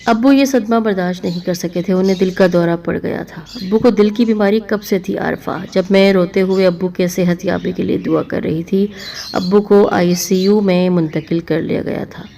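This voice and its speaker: A woman narrating an emotional story. She reads slowly and earnestly, as a storyteller would. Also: fairly low pitch, fairly even intonation, gravelly, dark tone.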